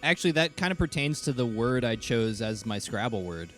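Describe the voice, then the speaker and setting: A man co-hosting a casual book podcast, teasing his co-hosts with dry, deadpan jokes. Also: mid-range voice, a little fast, soft background music. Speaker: podcast co-host.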